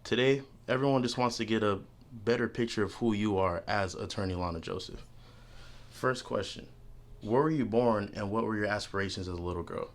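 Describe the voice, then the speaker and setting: A man interviewing, reading out scripted questions briskly. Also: fairly low pitch.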